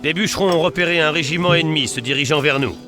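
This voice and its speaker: Man as urgent, quick-talking castle lookout. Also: a little high, music in the background, natural voice. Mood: alert. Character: urgent medieval castle lookout reporting enemy attacks. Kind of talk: scripted game announcements.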